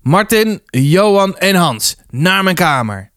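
A man's voice: a little high, lively intonation, brisk, no room sound, studio quality, natural voice. A man reading a storybook, voicing a tall, thin, stern headmaster who gives clipped orders.

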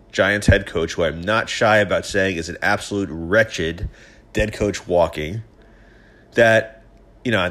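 A man's voice: sits low, fairly bright tone. A man in his thirties hosting a solo podcast of opinion and sports commentary, sounding stuffy and nasal from a head cold, as if his nose were pinched, with a slightly scratchy throat. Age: 30s. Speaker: podcast host.

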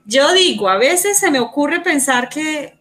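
A woman's voice: high voice, animated, measured pace, a bit bright. Reflective woman interviewer. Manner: reflective, conversational, asks follow-up questions. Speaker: interviewer, teacher. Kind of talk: conversational interview.

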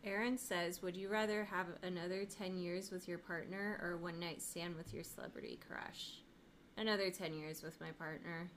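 A young woman co-hosting a casual podcast chat, wry and deadpan, often laughing at her own awkwardness. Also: fairly low pitch, moderate pace, a little hiss or hum. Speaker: podcast co-host.

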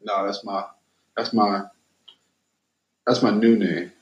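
A man's voice: on the low side, steady tone, takes it slowly, echoey room, lo-fi sound. A man from Philadelphia with a Philadelphia accent, co-hosting a casual podcast chat, laid-back and joking, swearing freely. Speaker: podcast co-host.

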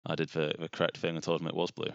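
A man appearing as a guest in a remote podcast interview, talking with deadpan humor and hesitant fillers. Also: extremely low pitch, very fast, no room sound, dull audio. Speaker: guest, brand social media staff.

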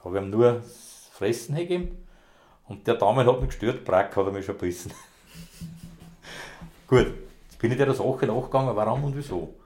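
A man's voice: medium pitch, expressive, normal speed, pauses often, darkish tone. A man, a former rescue dog handler, telling long rambling anecdotes in broad dialect in a casual interview.

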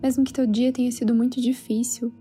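A Brazilian woman guiding a sleep meditation in a soothing, hushed, spa-like manner. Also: fairly high pitch, flat delivery, fairly quick. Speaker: meditation guide. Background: soft background music.

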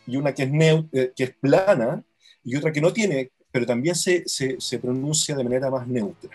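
A man's voice: medium pitch, moderate pace, darkish tone, faint music behind. A man, an app co-founder, patiently explaining how a product works in a demo.

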